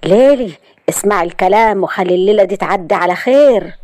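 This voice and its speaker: A woman's voice: medium pitch, expressive, fast talker, darkish tone, no room sound, natural voice. A woman voicing a stern, protective young man with an Egyptian accent, who speaks in a curt, commanding way.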